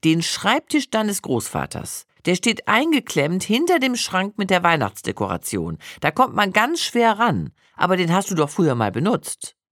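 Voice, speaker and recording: A woman reading the lines of a calm older husband, matter-of-fact and teasing, in her own voice. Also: lowish voice, normal speed, hardly any pauses, no echo, studio quality. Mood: dry. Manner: sober, matter-of-fact delivery.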